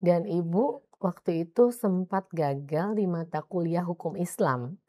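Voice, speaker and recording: A woman host interviewing a guest, asking measured questions. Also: fairly low pitch, animated, mellow.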